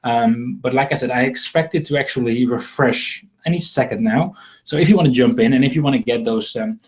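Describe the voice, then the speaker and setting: A Dutch man with a mid-range voice, speaking a little fast, hosts an informal live webinar selling marketing software. His pitch rambles and repeats itself, with a self-deprecating streak, and his accent is Dutch.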